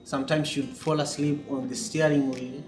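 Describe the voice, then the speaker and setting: A man from Kenya, hosting an interview in a relaxed way, with lots of "you know"s. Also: fairly high pitch, normal speed. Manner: relaxed, filler-heavy, many "you know"s. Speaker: podcast host. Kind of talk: casual interview. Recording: echoey room with guitar music behind.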